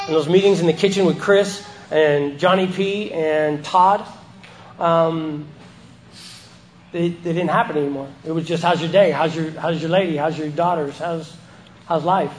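High-voiced man speaking through missing front teeth. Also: fairly even intonation, slight background noise. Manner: halting, plain-spoken, self-deprecating, sweary. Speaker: recovery meeting speaker. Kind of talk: informal personal testimony to a recovery group.

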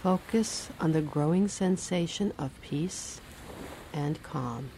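A woman reading a guided relaxation and hypnosis script in a slow, soothing, measured way. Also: low-pitched, warm tone, slight background noise, poor audio.

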